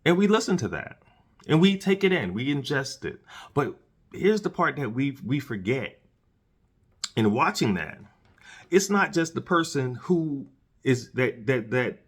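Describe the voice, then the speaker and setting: Sucking on a candy with a dry mouth, this podcast host delivers solo commentary in an earnest, preachy manner, frequently restarting and repeating himself. He has a mid-range, expressive voice with a breathy edge and a normal pace.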